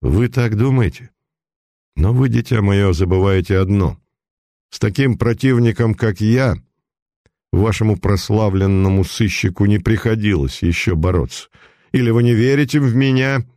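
A man's voice: on the low side, measured pace, dark tone, dry recording, studio quality, lightly acted. A man voicing a domineering male occult charlatan who speaks in a commanding, mocking tone in a storybook reading. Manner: commanding, mocking, at times thundering.

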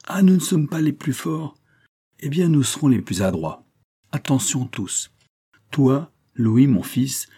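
Guy reading as a raging old nobleman, sputtery, loud and raised, husky. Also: mid-range voice, unhurried, pitched above the performer's own voice. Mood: commanding. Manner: blustering, sputtering with rage. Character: irascible old male aristocrat, choleric, proud.

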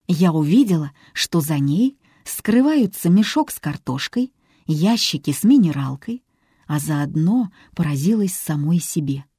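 A woman's voice: fairly low pitch, warm tone, husky, no room sound, clean studio sound. A woman reading a first-person audiobook in a wry, self-mocking way. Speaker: audiobook narrator.

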